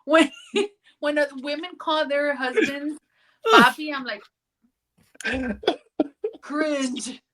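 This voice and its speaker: Woman, podcast co-host, high bright voice, slow talker, expressive, dramatic reactions. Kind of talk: casual chat.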